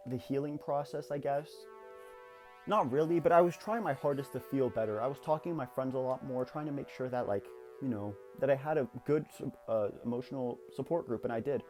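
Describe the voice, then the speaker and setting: This personal vlog features a late-teen YouTuber with a medium-pitched, dark voice, speaking candidly and thoughtfully while rambling slightly and restarting sentences.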